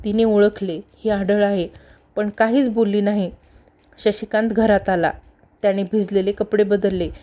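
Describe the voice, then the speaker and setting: Lady reading a folk story out loud, steady and even, pretty flat voice. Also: medium pitch, unhurried. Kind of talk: reading a folk tale aloud.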